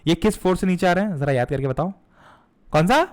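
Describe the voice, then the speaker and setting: A young male physics teacher with a high voice, lecturing online to school students. He swings between slow, careful readings of definitions and quick, chatty examples, often asking the class questions. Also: lively intonation. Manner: explains in a mix of Hindi and English, with everyday stories and rhetorical questions; reads definitions slowly and deliberately.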